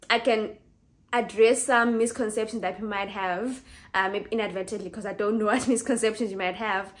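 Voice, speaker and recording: A Zimbabwean woman in her twenties vlogs to camera in a relaxed, casual chat, laughing easily and correcting herself along the way. Her voice is a little high.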